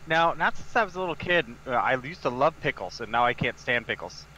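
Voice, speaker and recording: A man with a bright, sharp voice chats casually while playing a farm game with friends. He ribs them in a dry, matter-of-fact way. His mic sounds dull and lo-fi, with faint noise underneath. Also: mid-range voice, animated, fairly quick. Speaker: co-player on a stream. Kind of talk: casual gaming chat.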